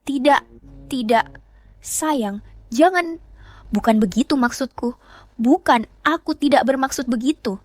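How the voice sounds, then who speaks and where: A woman's voice: high voice, a little slow, long pauses, a little mellow, no room sound. A woman dubbing a desperate, unhinged young ex-wife who swings between shrieking threats and begging. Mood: pleading. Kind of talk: Indonesian drama dub.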